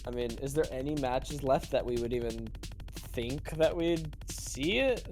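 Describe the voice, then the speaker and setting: A man's voice: medium pitch, animated, a little slow, over music. A young man with a Massachusetts accent giving casual, laughing esports commentary, full of fillers. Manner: chatty, laughs easily, hedges with fillers. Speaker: tournament commentator.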